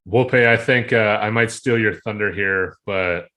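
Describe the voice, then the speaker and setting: A man's voice: on the low side, measured pace, pushed and bright. A man co-hosting a gaming podcast, easygoing and teasing as he steers the chat. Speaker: podcast co-host.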